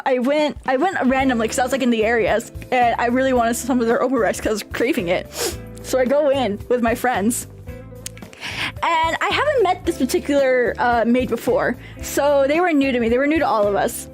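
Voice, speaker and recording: A woman livestreamer chatting casually with viewers in a cute, girlish anime-streamer manner, playful and often repeating her phrases. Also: high-pitched. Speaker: VTuber streamer answering viewer questions.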